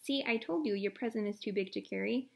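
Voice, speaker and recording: A woman's voice: mid-range voice, a little fast, creaky, close to an everyday voice. A woman voicing a bold, helpful young girl in a children's storybook, in a plain reading voice. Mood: bright.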